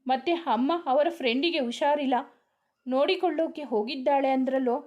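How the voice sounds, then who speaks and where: A loyal young male friend from a spoken story, played by a woman reading. He sounds worried and urgent, then reassuring, in a fairly high voice. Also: brisk, highs cut off, close to an everyday voice.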